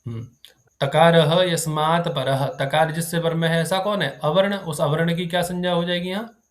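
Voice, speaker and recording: Slightly high-voiced man teaching grammar. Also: steady tone, moderate pace. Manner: keeps checking if students understood; quizzes the class with questions. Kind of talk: live classroom lecture.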